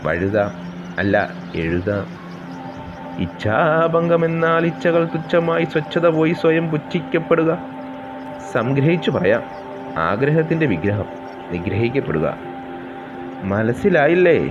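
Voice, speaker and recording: A man reading a children's comic story aloud, switching lively between character voices. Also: a little high, unhurried, long pauses. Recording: dull lo-fi with clear music.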